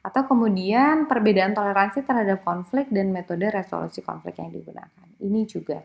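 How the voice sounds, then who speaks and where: A woman's voice: medium pitch, brisk, vocal fry, darkish tone. A woman giving a casual online psychology lecture, dropping in English terms and many fillers, and acting out quoted speech in a raised voice.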